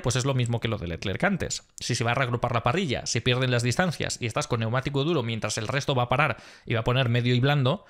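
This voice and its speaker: A man hosts a post-race analysis vlog. He talks in an emphatic, exasperated way, and his pitch climbs when he makes a point. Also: fairly bright tone. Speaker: motorsport vlogger.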